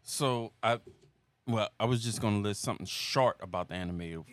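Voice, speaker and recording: A man with a very deep voice co-hosts a podcast. He keeps his turns easygoing and brief in casual chat. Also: moderate pace, no room sound. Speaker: podcast co-host.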